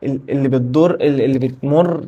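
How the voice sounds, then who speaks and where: A man's voice: medium pitch, fast, dull audio. A man with an Egyptian Arabic accent, telling his own story in a casual confessional vlog. He rambles, repeats himself and breaks off mid-word, sounding tired and anxious. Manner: rambling, repetitive, candid, trails off mid-word. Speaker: vlogger.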